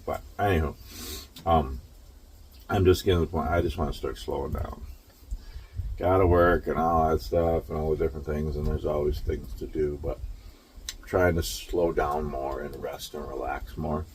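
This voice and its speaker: In a casual outdoor vlog shot on his phone, a man in his late fifties who drives trucks sits sheltered from the rain and rambles good-naturedly, chuckling often. His bass voice is darkish and fairly even, at a moderate pace, with a little hiss or hum.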